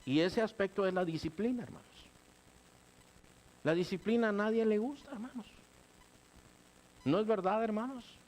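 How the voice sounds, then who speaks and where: A middle-aged male pastor, preaching a sermon with lively, conversational asides. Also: high voice, moderate pace, pauses often. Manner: animated preaching, keeps saying "hermano", acts out quoted voices.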